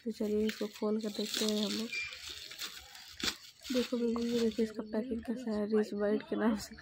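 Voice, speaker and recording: A woman's voice: fairly high pitch, little pitch movement, normal speed, a crowd in the background. A young woman with a Bihari Hindi accent, talking viewers through an unboxing in a casual vlog. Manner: chatty, addresses viewers directly. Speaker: vlogger, mother. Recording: loud background noise.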